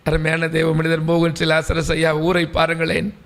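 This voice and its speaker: A man's voice: fairly high pitch, completely flat delivery, normal speed, fairly bright tone. A man preaching a sermon with passion, acting out laments and calling the congregation to say amen. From South India. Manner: impassioned, calls for amens, acts out quoted laments. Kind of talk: Tamil sermon.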